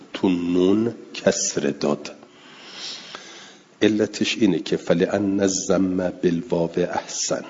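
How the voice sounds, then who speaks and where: A man teaching a classroom lecture on Quranic recitation, reading Arabic text slowly and deliberately before explaining it. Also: deep voice, darkish tone, husky. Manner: slow and deliberate, reads Arabic then explains. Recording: reverberant, dull lo-fi recording with faint hiss.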